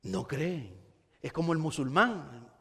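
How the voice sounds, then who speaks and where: A man's voice: fairly high pitch, big pitch swings, slow pace, bright, forceful tone, breathy edge, long reverb tail. A man preaching a sermon as pastor, with rising emphasis and frequent repeated starts. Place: church hall.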